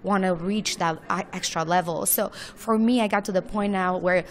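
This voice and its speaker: A woman's voice: mid-range voice, steady tone, normal speed. A woman from Romania with a Romanian accent, talking enthusiastically as an interview guest, with many fillers. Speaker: guest, launch service owner. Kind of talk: casual interview.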